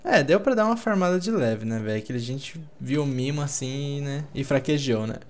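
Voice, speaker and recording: A man's voice: medium pitch, expressive, normal speed, a little mellow. A man with a Brazilian Portuguese accent, chatting casually while co-playing a survival game. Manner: laid-back, chatty, says "velho" often. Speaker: gamer co-playing. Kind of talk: casual gaming chat.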